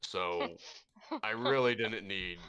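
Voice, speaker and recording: Man playing a cool, unbothered lady adventurer, slightly low, dry delivery. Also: slow, pushed and bright, clear, resonant tone. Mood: curt. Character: cool, dismissive woman adventurer at a bar.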